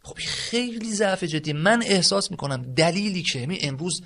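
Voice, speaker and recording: A man with a slightly raised pitch argues with passion in a podcast discussion. He speaks as a seminary student, pressing his points and letting his voice climb when he gets heated. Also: animated, vocal fry, fairly bright tone. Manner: impassioned, argumentative, voice rising at times.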